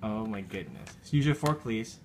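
A woman at a home dining table, patiently coaxing a toddler through dinner with soft, short, repeated words. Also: very deep voice, lively intonation, normal speed, background noise. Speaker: parent feeding a toddler.

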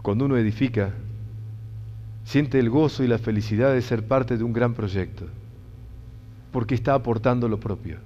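A man's voice: mid-range voice, normal speed, long pauses, dark tone. A man with a Rioplatense Spanish accent giving an inspirational talk to an audience, earnest and emphatic, repeating key phrases. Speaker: motivational speaker. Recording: dull sound, long hall reverb.

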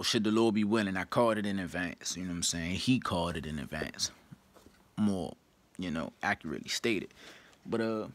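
A young man talks in a loose, slang-filled way, drifting into asides as he reads from a book. His voice sits low. The sound is dry and close, with no room echo. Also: fairly bright tone. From Washington, D.C. area. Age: young adult. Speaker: vlogger reading a book aloud. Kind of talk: casual vlog with read-aloud passages.

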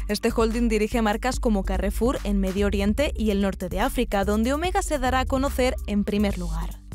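A woman's voice: on the high side, a little mellow. A woman presenter reading scripted narration for a business news magazine. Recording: music bed behind the voice. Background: background music.

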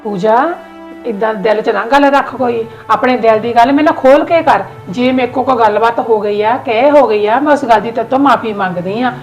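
A woman's voice: on the high side, brisk, darkish tone, faint music behind, natural voice. A woman acting as an elder daughter-in-law who coaxes her sister-in-law to open up. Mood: pleading. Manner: coaxing, pleading. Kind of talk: family skit acting.

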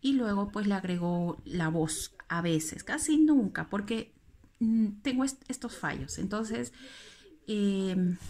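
A woman's voice: mid-range voice, darkish tone. A woman talking casually in a vlog about a craft video she made, rambling and correcting herself as she goes. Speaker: craft vlogger.

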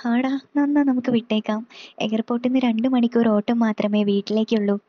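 A woman's voice: a little high, steady tone, fairly quick, no room sound, highs cut off, lightly acted. Woman reading as a fond young elder brother. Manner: teasing, fond. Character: young man, cheerful affectionate elder brother.

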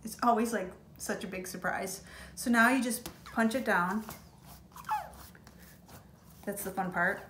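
In her kitchen, a woman hosts a casual home baking video, walking viewers through each step and cheerfully encouraging "you guys." Her mid-range voice moves at a measured pace with long pauses, and the sound is reverberant with a noisy background.

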